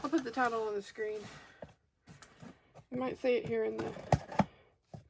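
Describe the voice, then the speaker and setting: Recorded on a phone clamped above her work, this Arkansas craft creator chats casually and a touch hesitantly while unboxing. Her Southern voice runs fairly high and creaky, with fairly even intonation at a normal pace, against heavy background noise.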